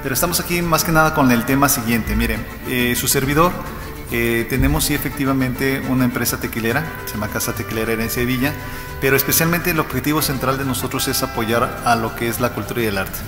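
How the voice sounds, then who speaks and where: A middle-aged Mexican man speaks steadily at a press conference into a table microphone. His voice sits mid-pitch and rings with long reverb in an echoey municipal room, and music plays clearly behind him. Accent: Mexican Spanish. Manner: unhurried, steady, with frequent fillers. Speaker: business owner presenting an event. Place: municipal meeting room, indoors.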